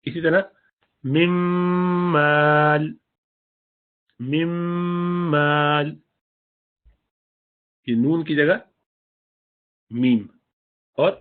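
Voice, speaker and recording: A man teaching a Quran recitation lesson, explaining the rules and slowly reciting and stretching out example words. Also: a little high, husky. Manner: drawn-out demonstrative recitation of examples. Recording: tinny phone-like audio.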